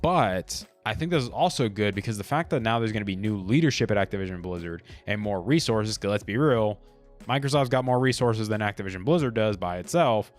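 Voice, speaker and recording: A podcast host talking through his views off the cuff, blunt and opinionated, leaning on casual fillers. His voice sits low for a man. Soft music plays faintly under him. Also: expressive, fairly quick. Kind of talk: unscripted solo commentary.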